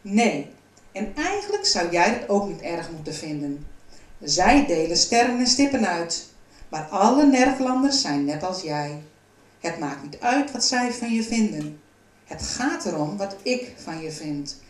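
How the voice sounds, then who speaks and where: A woman's voice: lowish voice, big pitch swings, measured pace. A woman voicing a kindly, fatherly old male woodcarver in a storybook reading, speaking strongly and with emphasis. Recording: roomy, from a distance.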